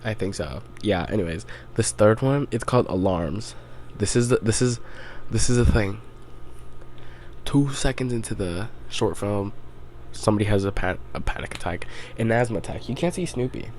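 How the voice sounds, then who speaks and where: Young male podcast host, low-pitched, rambling casual recap, filler-heavy. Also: moderate pace, a little mellow, slight background noise. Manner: loose storytelling, heavy on "like", swearing.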